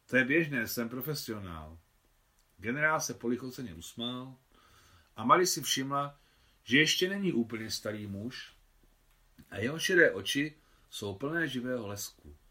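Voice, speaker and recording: A man, the translator, reading his own translation of a novel aloud in a steady, even way. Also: medium pitch. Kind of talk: audiobook narration.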